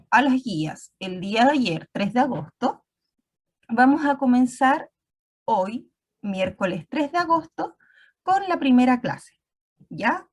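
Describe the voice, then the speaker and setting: A woman's voice: fairly high pitch, darkish tone. A woman teacher giving an online class, explaining step by step and often checking in with her students.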